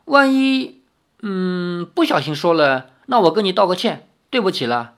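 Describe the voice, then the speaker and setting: A brash young swordsman talks in quick, lively bursts, as an audiobook reader puts him on. He is blunt and hot-headed, flipping between complaint and pleading. The voice rises and falls with animated energy across a storybook reading. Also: medium pitch, voice pushed up. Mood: placating.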